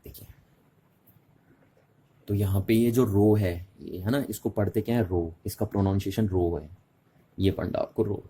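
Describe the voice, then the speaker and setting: A man gives a classroom physics lecture. His voice sits low and has a slightly husky, mellow tone. He talks patiently, repeats the important terms and keeps checking that the students understand. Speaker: physics teacher. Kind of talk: classroom lecture mixing Hindi and English.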